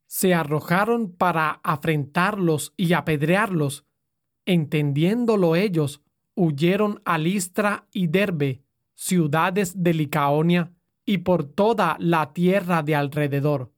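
A woman reads scripture aloud at a very slow, deliberate pace. Her voice sits somewhat low, and the reading is solemn and measured. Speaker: scripture reader.

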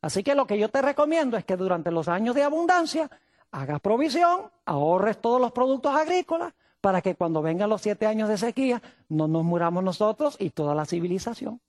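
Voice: medium pitch, sing-song, brisk, no echo, studio quality, lightly acted. A preacher acting out Joseph, a wise young man advising Pharaoh. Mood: earnest.

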